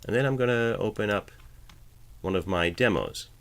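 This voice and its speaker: Sitting at the editing station in his home voiceover studio, a man gives a casual tutorial, talking through a screencast one step at a time. He speaks at a moderate pace in a fairly low, fairly bright voice.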